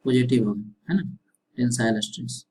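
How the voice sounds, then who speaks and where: A man's voice: medium pitch, moderate pace, a little mellow, breathy edge, low-quality recording. Man lecturing, questions and answers himself. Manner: repeats questions and answers, frequent tag "है ना". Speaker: engineering teacher. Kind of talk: classroom lecture.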